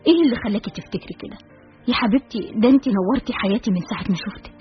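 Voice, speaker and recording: A woman voicing a caring young husband with an Egyptian accent, speaking quickly and softly in an audiobook. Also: fairly high pitch, dull audio, soft background music, natural voice. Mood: tender. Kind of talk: audiobook narration.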